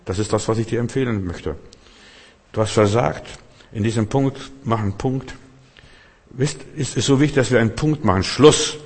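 A man's voice: medium pitch, moderate pace. A man preaching a sermon, emphatic and direct, who keeps turning to his listeners with repeated questions and short punchy phrases. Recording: long hall reverb.

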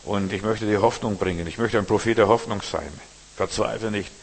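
A male pastor delivering a sermon with a husky, slightly rough voice. He drives points home by repeating them and drops suddenly to near-murmurs before rising again. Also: steady tone, a little fast. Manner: preaching with emphatic repetition and sudden shifts between loud calls and low murmurs.

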